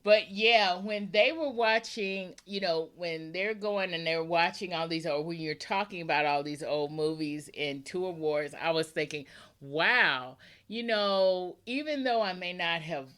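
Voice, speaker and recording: Chatty, easygoing woman host; slow, laid-back pacing with frequent laughs. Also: lowish voice, fairly bright tone. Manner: chatty, rambling, laughs often. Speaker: podcast host. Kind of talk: casual interview chat.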